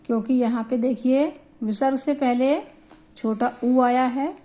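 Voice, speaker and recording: A woman teaching a Hindi grammar lesson, explaining slowly and deliberately and spelling out syllables for her students. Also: sits high, steady tone, warm tone.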